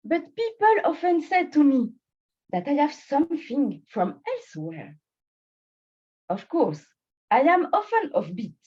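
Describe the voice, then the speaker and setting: At a speaking club, a woman gives a prepared personal speech slowly and deliberately, pausing between phrases; she was born in Bangladesh, raised in France, speaks French natively, and has a French and Swiss French accent. Her high voice is very animated with a darkish tone. The highs are cut off in the recording.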